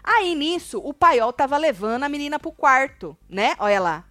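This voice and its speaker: A young woman hosting a casual gossip commentary, telling the story with lively acted-out quotes. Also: sits high, moderate pace, no room sound. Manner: animated storyteller, acts out quotes. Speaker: host.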